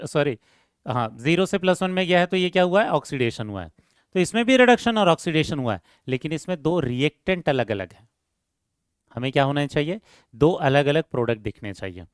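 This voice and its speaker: A man's voice: fairly high pitch, clean tone, no echo, studio quality. A man teaching a chemistry lecture step by step, asking rhetorical questions and addressing students fondly. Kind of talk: classroom lecture.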